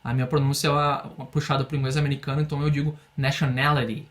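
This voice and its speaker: A man from Brazil teaching an online English lesson, patiently explaining and slowing down to model phrases for students. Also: medium pitch, level tone, fairly bright tone.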